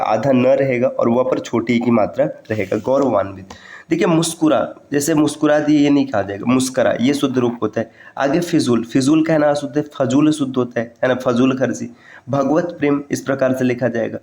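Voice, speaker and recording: A male teacher walks through correct spellings one word at a time, repeating each form patiently. His voice sits at an ordinary middle pitch. The room around him rings with a noticeable echo. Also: darkish tone. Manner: addresses students directly to remember points. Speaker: Hindi teacher. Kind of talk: exam-prep spelling lesson.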